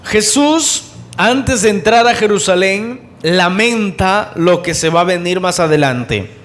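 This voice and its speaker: High-voiced fervent male preacher. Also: expressive, a bit bright, a little hiss or hum. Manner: fervent, addresses listeners as brothers, rhetorical questions; shifts between quick bursts and slow emphatic phrases. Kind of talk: sermon.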